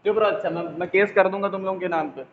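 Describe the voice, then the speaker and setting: Chatty teacher scolding students on phone. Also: male voice, high voice, fairly even intonation, fast talker. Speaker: physics teacher. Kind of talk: online class, casual teasing. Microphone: mobile phone. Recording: echoey, tinny phone line, faint noise.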